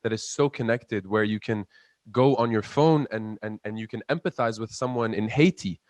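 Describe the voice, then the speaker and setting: A man's voice: lowish voice, normal speed, darkish tone, no room sound. A young man in his twenties from Palestine, speaking earnestly and passionately as an interview guest, often repeating words as he builds his point. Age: 20s. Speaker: guest, student entrepreneur. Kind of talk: interview answers.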